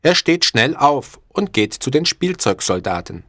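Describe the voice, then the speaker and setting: A male narrator reading a story at a slow, careful pace, with a lively, expressive pitch. The recording is dry and close to the mic. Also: no room sound. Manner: clear, deliberate, expressive.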